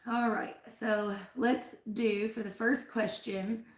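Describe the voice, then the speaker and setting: A woman hosts a flower-farm livestream, chatting casually and rambling with plenty of "like" and "um." Her voice is on the high side, slow and level in tone, and worn because she's losing it after an illness. The room is echoey.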